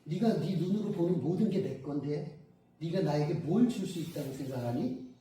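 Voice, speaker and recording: A man preaching in a church, quoting the voice of a gentle, patient divine father figure softly and slowly. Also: fairly high pitch, animated, slight background noise, lightly acted. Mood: tender. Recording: very echoey hall, mic at a distance.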